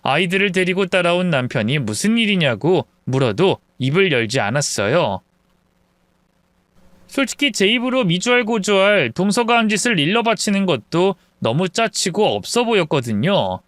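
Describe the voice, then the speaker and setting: A man narrating a first-person family story in a measured, even storytelling manner. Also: high voice, no room sound.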